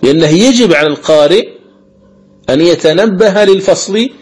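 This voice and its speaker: A man teaching the rules of Quran recitation in a recorded lecture, explaining patiently, repeating key phrases and drawing out the recited examples slowly. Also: sits high, a little mellow, slightly rough, poor audio. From Algeria.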